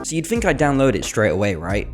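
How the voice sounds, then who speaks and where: A man's voice: medium pitch, huge pitch swings, fast, music in the background. A man from London with a London accent, nasal and stuffy from a head cold, reading scripted voice-over narration for a gaming video in an upbeat, enthusiastic way. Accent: London English. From London, England. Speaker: VR gaming YouTuber.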